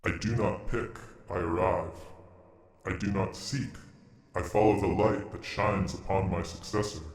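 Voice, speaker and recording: Deep, echoing Grim Reaper, voiced by a man. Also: fairly even intonation, measured pace. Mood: solemn. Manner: grave, archaic, ceremonial intoning. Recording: roomy echo on the voice.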